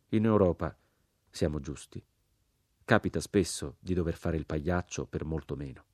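A man with a very low voice reads a literary novel aloud in the first person. His delivery is grave and measured, and the sound is dry and close to the mic. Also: warm tone, no echo. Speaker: audiobook narrator. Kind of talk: literary audiobook reading.

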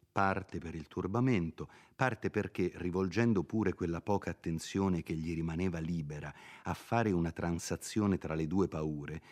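A man narrating a classic novel as an audiobook in a measured, unhurried reading. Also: sits low.

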